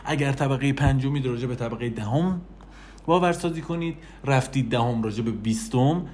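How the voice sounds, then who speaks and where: A man giving an animated motivational talk, speaking straight to the listener and repeating phrases for emphasis. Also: mid-range voice, slight background noise. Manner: animated, repetitive, addresses listener directly. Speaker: self-help speaker.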